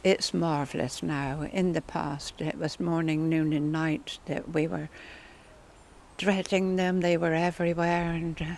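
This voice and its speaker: A woman's voice: deep voice, little pitch movement, unhurried, gravelly, a little mellow, slight background noise. An older woman, a longtime resident, answering interview questions in a plain, brief, matter-of-fact way. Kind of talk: casual interview.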